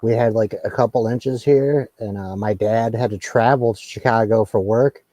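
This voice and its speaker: A relaxed man hosting a casual live talk show, his voice mellow and warm. He speaks in an easygoing way, often repeating words, and sounds dry and close. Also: lowish voice, normal speed, no echo, low-quality recording. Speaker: host.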